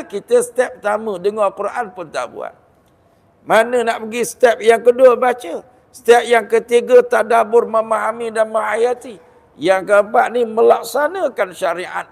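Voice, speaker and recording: A man with a Malaysian Malay accent giving a Ramadan sermon, lively and storytelling, with jokes and rhetorical questions. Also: high voice, moderate pace, vocal fry. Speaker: religious teacher giving a Ramadan talk. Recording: long hall reverb.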